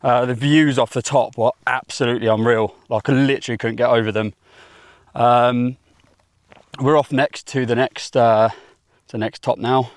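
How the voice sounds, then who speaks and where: A man's voice: medium pitch, fairly even intonation, moderate pace, no room sound, poor audio. A young man vlogging outdoors while hiking a mountain, talking in a chatty, blunt, self-mocking way and swearing casually. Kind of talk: casual vlog talk to camera.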